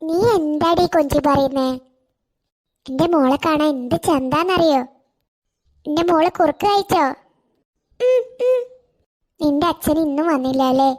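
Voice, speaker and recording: A woman voicing a doting, anxious old grandmother in a cartoon, talking slowly and fondly. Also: high voice, darkish tone. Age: older. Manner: slow, doting, fretful.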